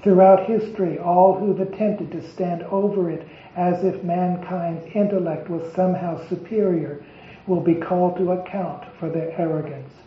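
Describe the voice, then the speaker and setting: Guy preaching slow and emphatic, fairly high voice, echoey dull recording. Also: fairly even intonation, a little hiss or hum. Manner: emphatic, deliberate listing of phrases. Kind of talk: devotional sermon.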